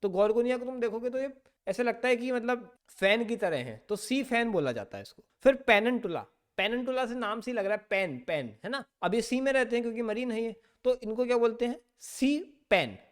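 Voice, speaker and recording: Guy teaching bio for exams, asks stuff then answers it himself, reads lines slow then riffs fast, playful. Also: very high-pitched, animated, clear, resonant tone. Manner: asks questions and answers them himself, mixing Hindi with English terms; reads textbook lines slowly, then explains quickly and playfully. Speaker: biology teacher. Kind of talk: exam-prep lecture.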